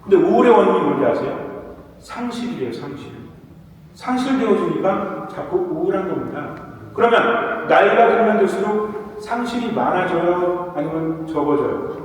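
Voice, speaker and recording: Korean priest lecturing in an echoey hall. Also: male voice, sits high, expressive, normal speed, slight background noise. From South Korea. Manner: asks the audience questions, then answers them himself. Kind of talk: sermon-style lecture. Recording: echoey hall recorded from far off.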